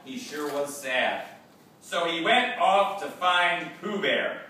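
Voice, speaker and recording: A man narrating a children's class play in an expressive, drawn-out storytelling manner. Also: fairly high pitch. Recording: echoey room, voice from far off, faint hiss.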